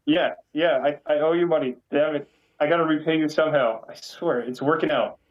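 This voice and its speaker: A man's voice: on the high side, fairly quick. A man calling in over a video call that keeps breaking up, rambling casually with lots of filler "likes". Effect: choppy audio breaking up. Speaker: call-in guest. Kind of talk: casual chat. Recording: dull lo-fi call audio.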